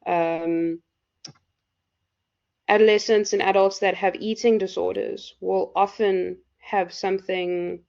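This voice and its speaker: A woman lecturer with a hoarse, croaky voice, explaining loosely with lots of fillers in a live university class. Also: medium pitch, little pitch movement, slow, a little mellow. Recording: dull lo-fi recording.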